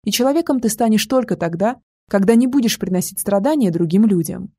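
A woman voicing a grieving mother who pleads softly and earnestly with her grown son, in an audiobook. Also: medium pitch, lively intonation, brisk, husky, no room sound, studio quality. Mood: pleading.

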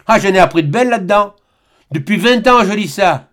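A man voicing a scornful old atheist of about eighty who talks roughly and mockingly. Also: high voice, expressive, a little fast, fairly bright tone, voice pushed up.

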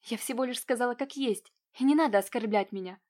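A woman's voice: fairly high pitch, quick pace, darkish tone, lightly acted. A woman voicing a proud, naive young noblewoman in an audiobook, giving nervous, clipped replies. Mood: defensive.

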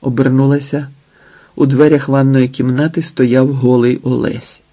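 A man's voice: mid-range voice, flat delivery, moderate pace, mellow. A man reading an audiobook in terse, dramatic phrases. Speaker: audiobook narrator.

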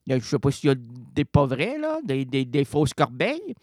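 A man's voice: mid-range voice, huge pitch swings, brisk, darkish tone, dry recording, studio quality. A man with a Québécois accent hosting a late-night radio show, rambling playfully and correcting himself as he goes. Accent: Québécois French. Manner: playful, digressive, constantly self-correcting. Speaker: radio host. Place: radio studio.

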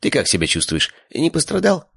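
A man's voice: on the high side, wildly swooping pitch, brisk, gravelly, fairly bright tone, breathy edge, dry recording, clean studio sound, pitched above the performer's own voice, heavily acted. A man voicing a cowardly, lying, heavyset middle-aged uncle who talks in a whiny, pleading way. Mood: flustered. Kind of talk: audiobook character voice.

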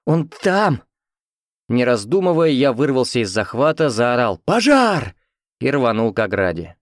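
A man's voice: medium pitch, dry recording, studio quality. A man reading first-person fiction as an audiobook narrator, in a conversational, wry storytelling manner.

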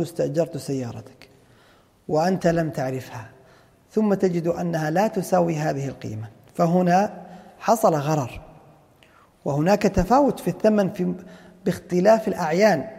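A man's voice: on the high side, creaky, warm tone, big-room sound. A man teaching Islamic jurisprudence, explaining a classical text and asking and answering his own questions. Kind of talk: explaining a fiqh text in a lecture.

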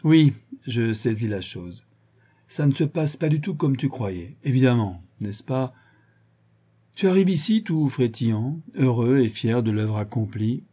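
A man's voice: medium pitch, animated, unhurried, mellow, husky. A man reading aloud and voicing an old male druid impostor who talks in a glib, jeering, unflappable way. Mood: mocking. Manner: jeering, chatty, theatrical.

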